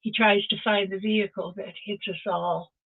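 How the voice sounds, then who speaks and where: A woman's voice: mid-range voice, fairly even intonation, moderate pace, slightly rough. An older woman hosting a stream and giving an impassioned motivational talk over a video call, urging her listeners on directly. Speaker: host. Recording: tinny phone-like video call audio.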